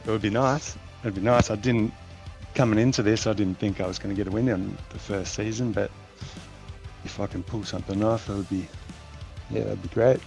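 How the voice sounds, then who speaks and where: A man's voice: fairly low pitch, gravelly. A man guesting as a racing driver, chatting modestly and hesitantly with many ums after a race. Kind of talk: casual post-race chat.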